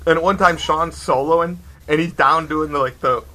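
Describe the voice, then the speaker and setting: Over poor audio, a man with a high-leaning, pushed and bright voice speaks at a normal pace. He co-hosts a podcast from home and, as a band guitarist, shares stories with plenty of laughter, imitating the people he quotes.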